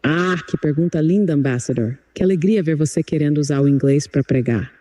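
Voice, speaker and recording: A man's voice: on the high side, fairly quick, dark tone, no echo. A computer-generated male voice acting as an English tutor, speaking in an upbeat, encouraging, polished way. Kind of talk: chatbot voice giving an English lesson.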